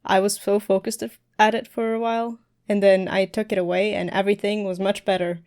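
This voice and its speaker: A young woman talks as a guest on a podcast, relaxed and easygoing. She giggles between thoughts, and her voice sits in a mid pitch for a woman. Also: fairly quick. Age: young adult. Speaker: streamer and dance teacher, podcast guest. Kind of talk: casual podcast chat.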